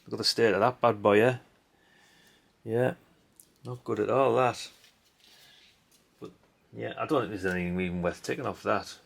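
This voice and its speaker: With a gravelly, low-leaning voice and steady tone, a middle-aged man talks at a moderate pace and pauses often. He's a hobbyist host rambling through old electronics he's sorting, dry and blunt, using tag questions and mild swearing. You can hear parts clicking and clattering as he handles them, plus background noise.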